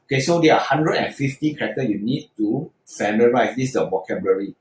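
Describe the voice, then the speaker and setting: A man's voice: medium pitch, animated, fast, roomy sound, low-quality recording. A man teaching beginner Mandarin in a screen-recorded tutorial, talking hesitantly with frequent fillers and restarts.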